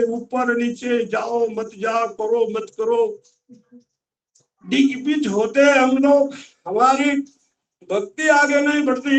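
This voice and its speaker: Male preacher, very high and unhurried, bursts of emphasis; roomy, far-off call audio. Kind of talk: sermon. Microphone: video call. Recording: echoey, distant call audio.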